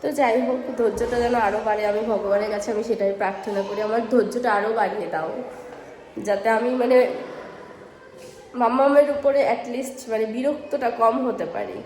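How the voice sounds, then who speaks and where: A woman with a hoarse voice from a cold, vlogging casually and coaxing a toddler in sing-song baby talk at an indoor play area. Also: fairly high pitch, brisk, a little mellow. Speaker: vlogger and mother. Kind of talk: casual vlog narration and talking to a toddler. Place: indoor play zone in a housing society. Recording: echoey hall with faint noise.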